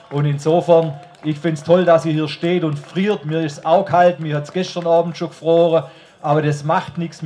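Under an open tent on an outdoor stage, a Swabian-accented man gives an informal political rally speech, speaking colloquially and directly to the people before him through a handheld mic. His voice is slightly high and a little mellow.

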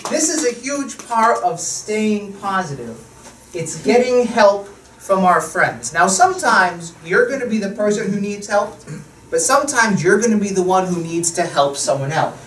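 A man presents like a kids' party magician, playful and teasing as he coaxes helpers along. He is recorded from a distance in an echoey classroom, with clear background noise. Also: high-pitched, animated, normal speed, fairly bright tone. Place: school classroom. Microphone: distant camera. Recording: echoey, distant, noisy room.

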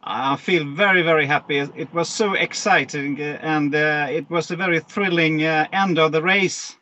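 A man from Sweden, answering an interview hesitantly with many pauses and fillers, speaking from his car. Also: fairly high pitch, pushed and bright, lo-fi sound, slight background noise. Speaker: interviewee, online race winner. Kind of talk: casual interview.

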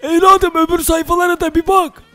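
Man doing a high, fatherly old shopkeeper. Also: little pitch movement, a little fast, pushed and bright, soft background music. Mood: fatherly worried. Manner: fatherly, calls the hero "son". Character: kindly old male shopkeeper neighbor.

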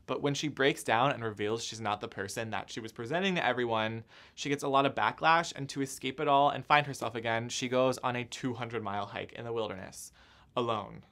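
A man's voice: medium pitch, a bit bright. A young man hosting a casual book haul vlog, chatty and upbeat, cracking self-mocking jokes while filming alone indoors. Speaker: book vlogger.

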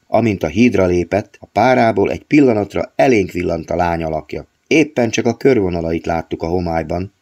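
A man narrating an audiobook of his own novel in a steady storytelling read. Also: deep voice, gravelly.

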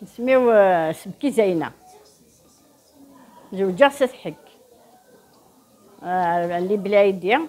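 An older woman exhibitor talks casually about her craft in an animated way, rising and falling in loudness, indoors at an exhibition. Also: medium pitch, unhurried, long pauses.

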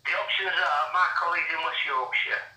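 Brisk man over a phone line. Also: on the high side, crowd noise. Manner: brisk, matter-of-fact, calls people mate and fella. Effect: heard over a phone line. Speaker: police officer. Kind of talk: casual phone call. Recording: distant echoey phone audio.

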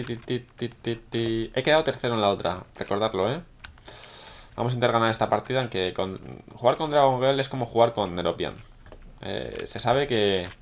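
Hoarse, excitable gamer man. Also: fairly low pitch. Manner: excitable, chatty, talks to viewers. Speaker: gaming YouTuber. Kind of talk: live gameplay commentary.

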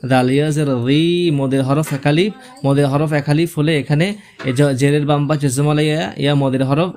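Guy teaching quran reading, kinda high voice, spells out each letter and mark then says the word slow. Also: a little mellow. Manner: spells out letters and vowel marks, then recites slowly. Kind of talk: step-by-step recitation lesson.

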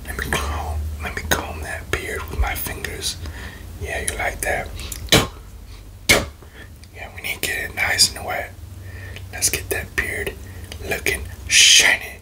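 In a small bedroom, a young adult ASMR creator leans into a close desk mic and whispers a teasing, playful role-play full of tingly mouth sounds. His delivery is slow, with murmured phrases repeated again and again.

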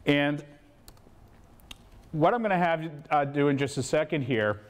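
A man with a loud, booming teacher voice, leading a school board workshop on a lapel mic and putting questions to the room. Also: unhurried. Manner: gets louder when animated, asks the room questions. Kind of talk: interactive presentation to a meeting.

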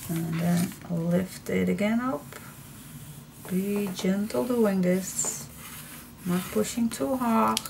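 With a mid-range voice and a slow pace, this Dutch-accented, middle-aged woman from the Netherlands leads an informal craft demo at her indoor table, talking chattily and murmuring to herself along the way. Background noise in the room is clearly audible.

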